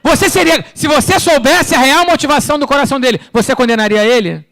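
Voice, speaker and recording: A man preaching a sermon in Brazilian Portuguese in church, firing rhetorical questions at the congregation and swinging between loud bursts and quiet asides. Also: very high voice, fast talker, dry recording, studio quality, a faint crowd. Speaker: pastor.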